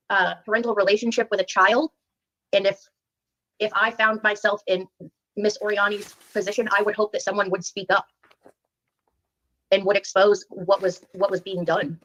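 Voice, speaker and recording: A woman testifying as a witness in court, speaking in a measured, earnest way. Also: mid-range voice, fairly even intonation, fairly bright tone, poor audio. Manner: measured, earnest, halting with fillers.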